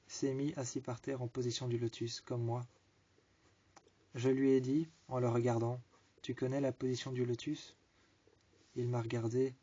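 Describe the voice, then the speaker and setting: A man telling a first-person story, restating each line in slow, repetitive phrasing. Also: medium pitch, dark tone, slightly rough. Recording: dull lo-fi recording.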